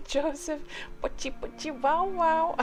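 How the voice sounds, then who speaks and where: A woman live-streams a game, chatting loosely with viewers and rambling with plenty of fillers. Her high, slightly bright voice keeps a fairly even intonation and a slow pace, with music playing underneath.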